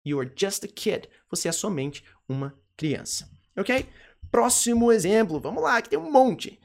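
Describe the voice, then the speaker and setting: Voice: mid-range voice, very animated. Brazilian teacher drilling English phrases. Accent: Brazilian Portuguese. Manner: repeats words slowly for drilling, checks in with "tá?" and "ok?". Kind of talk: online English lesson.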